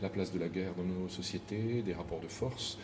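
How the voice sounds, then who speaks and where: A middle-aged man directs opera and answers questions with careful, halting phrasing. His voice sits very low. He sounds distant from the mic, in a roomy space with a noticeable hiss behind him. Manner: thoughtful, searching for words with many restarts. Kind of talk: interview answers.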